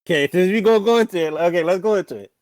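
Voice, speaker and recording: A man's voice: sits high, darkish tone, no room sound. A man co-hosting a sports podcast, talking casually and restarting his sentences. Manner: halting, restarts often. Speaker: podcast co-host.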